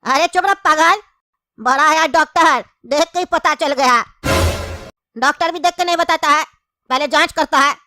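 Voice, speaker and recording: A woman's voice: high voice, moderate pace, pauses often, pushed and bright, no echo, clean studio sound. A woman voicing a bossy male judge in a comedy skit who scolds and mocks the accused. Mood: scolding. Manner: scolding, mocking, threatening.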